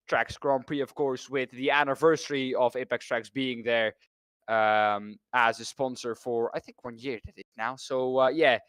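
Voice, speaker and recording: A man's voice: mid-range voice, fairly bright tone, no echo. A man from the Netherlands commentating a sim racing broadcast, rambling and correcting himself as he stumbles over names. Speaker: race commentator.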